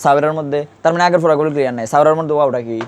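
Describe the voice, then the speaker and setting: Against slight background noise, a man with a slightly raised pitch talks rapid-fire through a grammar class. He's easygoing and conversational, patiently coaching pronunciation with question after question.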